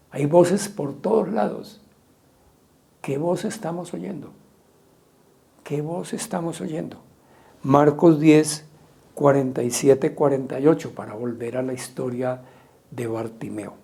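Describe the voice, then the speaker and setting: A man preaching a sermon as pastor, asking repeated rhetorical questions and loudly acting out quoted cries. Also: mid-range voice, gravelly. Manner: rhetorical questions, dramatic quoting of shouts.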